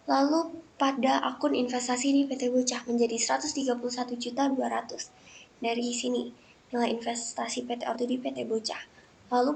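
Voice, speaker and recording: A young woman with a slightly high voice and some vocal fry presents a scripted lesson step by step. She sounds methodical and recited, like a student presenter. There's noticeable background noise in the recording.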